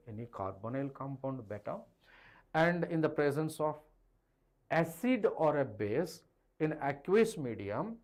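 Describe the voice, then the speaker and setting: Higher-pitched Indian man teaching. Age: middle-aged. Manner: code-switches between English and Hindi, addressing students directly. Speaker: chemistry teacher. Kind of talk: live online lesson, explaining at a board. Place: indoor teaching studio with a digital board. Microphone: clip-on lapel mic.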